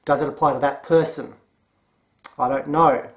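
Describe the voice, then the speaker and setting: A man with an Australian accent giving a mocking, deadpan commentary. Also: medium pitch, moderate pace. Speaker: commentary vlogger. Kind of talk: sarcastic commentary.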